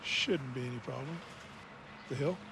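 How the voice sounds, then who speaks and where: A man's voice: medium pitch, normal speed, vocal fry, background noise. A man giving live golf commentary in short, descriptive, conversational observations.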